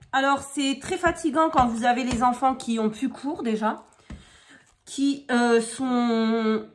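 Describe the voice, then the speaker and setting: A woman with a slightly raised pitch talks through her scrapbooking work in an easy, casual way. She improvises as she goes and fills her pauses with hesitations. A faint background noise sits under her voice. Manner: chatty and improvising, with frequent hesitations. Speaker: crafter demonstrating scrapbooking. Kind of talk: casual craft tutorial chat. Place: home craft table.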